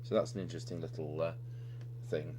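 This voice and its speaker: A man with an extremely low-pitched voice speaks a little fast while methodically demonstrating electronics repair at his bench, thinking aloud in an unscripted technical walkthrough. The recording is clearly noisy, carrying a steady electrical hum.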